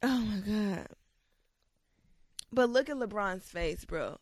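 A woman co-hosts a casual podcast in slangy talk. Her pitch swings freely and has plenty of vocal fry, captured dry at a desk. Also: slow pace, no echo. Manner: slangy, giggly, animated. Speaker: podcast co-host. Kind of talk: casual chat.

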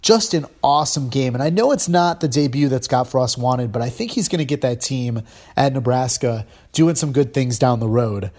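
A man in his thirties hosting a casual sports podcast, talking fast and loose with sarcastic jabs and sudden jumps in pitch for emphasis. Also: a little mellow. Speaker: podcast host.

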